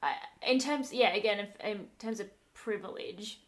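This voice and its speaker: A woman's voice: medium pitch, moderate pace. Hesitant young woman podcaster. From Australia. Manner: thoughtful, hesitant, many fillers and restarts. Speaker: podcast co-host. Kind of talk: casual podcast conversation.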